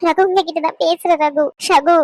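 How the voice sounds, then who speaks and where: A woman's voice: extremely high pitch, fairly even intonation, normal speed, no room sound. A woman playing a pleading young wife. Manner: pleading, repeating his name. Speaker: wife Anu, pleading with her husband. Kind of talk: Tamil audio drama acting.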